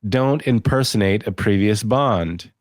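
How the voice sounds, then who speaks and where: A man co-hosting a film podcast, bringing up news items in casual chat with a measured, hesitant delivery. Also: on the low side, no room sound, studio quality. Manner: measured, hesitant, many uh fillers. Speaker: podcast co-host presenting news.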